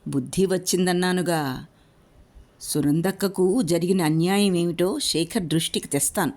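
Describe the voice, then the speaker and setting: A woman's voice: lowish voice, moderate pace, a little mellow, close to an everyday voice. A woman voicing a sly young man who apologizes and wheedles, in a storybook reading. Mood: wheedling.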